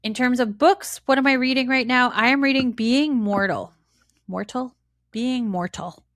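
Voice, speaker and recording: A woman's voice: high voice, moderate pace, fairly bright tone, dry recording, clean studio sound. A middle-aged woman hosting her own podcast, chatting in a reflective, rambling way with plenty of fillers. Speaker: podcast host. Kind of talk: casual solo podcast chat.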